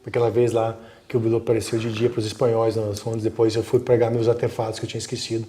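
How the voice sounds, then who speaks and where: A man's voice: lowish voice, fast talker. A man with a Brazilian Portuguese accent telling a story in casual live-stream talk, acting out the dialogue in it. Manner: animated, acts out quoted dialogue. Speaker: guest storyteller.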